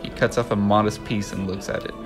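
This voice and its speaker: A man's voice: on the low side, flat delivery, a little fast, over music. A man hosting a podcast, reading scene directions aloud and often breaking into laughter. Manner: narrates stage directions with frequent laughing. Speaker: podcast host. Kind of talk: reading a script aloud, then casual chat.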